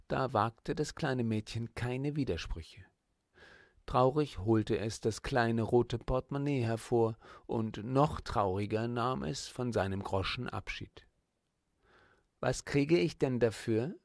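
A man reading a children's storybook aloud as audiobook narrator, in a calm, measured manner. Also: medium pitch, dry recording, studio quality.

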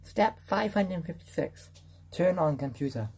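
Filming himself on a phone indoors, a teenage vlogger announces each stage of his lunch prep in his kitchen and bedroom with playful, mock-serious flair. His male voice sits a little high and has a darkish, creaky tone, with lively intonation and an unhurried pace.

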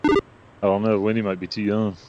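A man with a fairly low voice comes through a helmet radio, muffled and dull. He gives short formation calls and drops dry jokes. Loud engine roar sits under every word. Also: level tone, moderate pace, noisy background. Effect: helmet radio transmission. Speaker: formation wingman.

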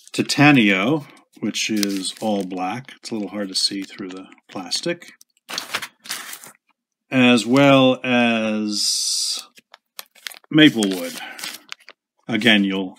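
Slow, low-voiced man demonstrating a pen. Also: a bit bright, a little hiss or hum. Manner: unhurried, chatty, self-correcting with small asides. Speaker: pen shop owner demonstrating a product. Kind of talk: casual product demonstration. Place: home writing desk.

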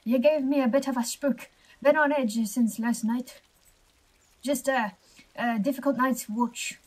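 A woman's voice: a little high, lightly acted, low-quality recording. Woman doing a flustered accented old guard. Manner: accented, halting, loud. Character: anxious veteran male castle guard.

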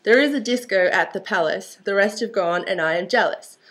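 A woman's voice: medium pitch, brisk, a bit bright, close to an everyday voice. A woman voicing a bossy, fed-up young heroine in a storybook fairy tale, emphatic and demanding.

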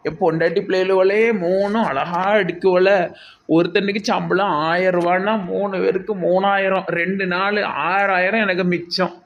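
A woman's voice: fairly low pitch, little pitch movement, moderate pace, muffled recording, a little hiss or hum, pitched below the performer's own voice, natural voice. A woman voicing a stingy, joking middle-aged village father with a Tirunelveli accent. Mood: boastful. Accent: Tirunelveli Tamil. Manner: teasing, boastful about saving money.

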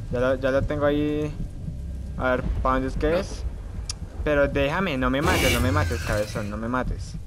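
A man's voice: mid-range voice, background noise. A young man playing a horror game, muttering to himself and shrieking at the scares. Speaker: gamer.

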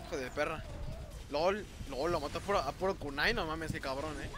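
A man with a Mexican Spanish accent giving live gameplay commentary, excitable and cursing at enemies. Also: on the high side, a little fast, background noise. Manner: excitable, swearing, shouting at enemies. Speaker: gameplay video host.

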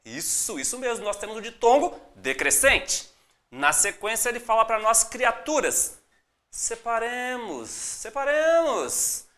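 Speaking in a very animated, mid-range voice with a Brazilian Portuguese accent, a teacher leads a live exam-prep session, swooping her pitch with each point. Upbeat and encouraging, with a bright, forceful tone, she greets viewers often and breaks words into slow, elongated syllables to spell out the rules.

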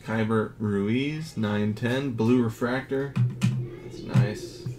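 A man casually narrating as he reveals graded trading cards, reading out each grade in a low-key, unhurried way. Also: over music. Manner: slow, low-key commentary, grades read in a flat list. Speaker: card collector. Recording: audible background noise.

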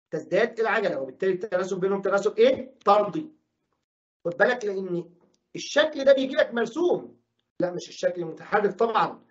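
Man, Egyptian Arabic accent, physics teacher, rapid delivery, dull lo-fi sound. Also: high voice. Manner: asks questions and answers them himself, voices imagined student objections. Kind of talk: recorded classroom lesson. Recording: dull lo-fi recording.

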